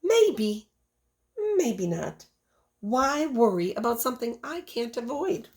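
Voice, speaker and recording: A woman voicing a calm, cheerful female goose in a storybook, airy and unbothered in manner. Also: fairly high pitch, slow. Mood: carefree.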